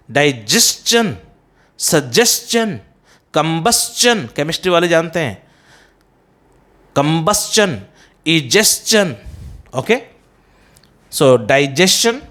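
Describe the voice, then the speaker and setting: A man teaching English pronunciation, mixing Hindi and English and slowly repeating words and spellings in an Indian English accent. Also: mid-range voice. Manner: slow, drawn-out repetition of words and spellings. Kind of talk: pronunciation lesson.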